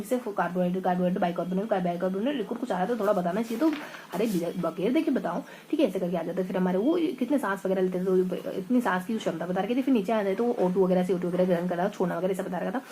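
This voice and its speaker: A woman revising her notes aloud in a casual study session, thinking out loud and stumbling over half-remembered words. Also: mid-range voice, very fast, a little hiss or hum, poor audio.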